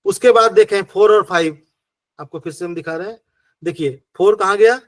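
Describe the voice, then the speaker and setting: A man with a fairly high voice and a Hindi accent teaches a class, walking through each step patiently and asking himself questions before answering them. The sound is dry and close, with little room echo. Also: brisk. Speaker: acupressure teacher. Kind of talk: online class explanation.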